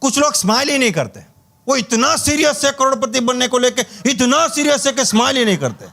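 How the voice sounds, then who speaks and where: A man's voice: extremely high pitch, lively intonation, brisk, pushed and bright. A man giving a humorous network marketing training talk, telling stories with acted-out dialogue and chuckles.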